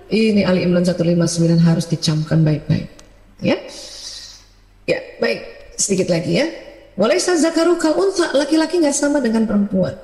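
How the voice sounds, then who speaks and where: A middle-aged woman preaches on parenting in a lively way, slipping into the voices of parents and children and posing rhetorical questions. Her voice rings through a roomy hall with a long, trailing reverb. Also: mid-range voice. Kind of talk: religious talk on parenting.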